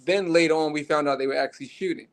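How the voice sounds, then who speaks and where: A young man with a Baltimore accent talks casually, circling back and restarting his thoughts as he tells a story. His voice sits a little high and carries a gravelly rasp. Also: fast talker. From Baltimore, Maryland. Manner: relaxed, rambling with restarts. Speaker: guest.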